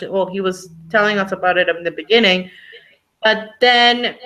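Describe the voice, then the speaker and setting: A woman's voice: mid-range voice, pushed and bright. A woman hosting a live online book discussion, chatting casually and rambling with lots of "like.". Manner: chatty, rambling, says "like" a lot. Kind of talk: casual chat.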